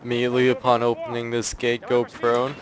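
A man's voice: mid-range voice, monotone, a little fast, a crowd in the background. A man giving casual, matter-of-fact video game walkthrough commentary in a laid-back way. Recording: loud game gunfire and explosions behind. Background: video game gunfire.

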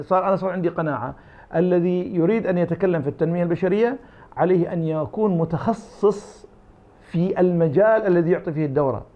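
Man, Iraqi Arabic accent, interview guest, very rapid argumentative delivery, dull lo-fi sound. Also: high-pitched. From Iraq. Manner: argumentative, uses imagined dialogues. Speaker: academic guest. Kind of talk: interview answers.

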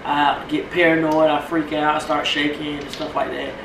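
A woman's voice: sits low, level tone, moderate pace, gravelly. A woman co-hosting a casual vlog chat, talking openly and rambling about herself. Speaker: co-host. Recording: roomy echo, distant mic, background noise.

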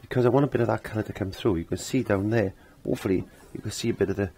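In an indoor home art studio, a middle-aged painting instructor talks through a demonstration in a low, husky, croaky voice with a dark tone. He speaks very fast and rambles casually, often repeating short phrases as if talking to himself while he works.

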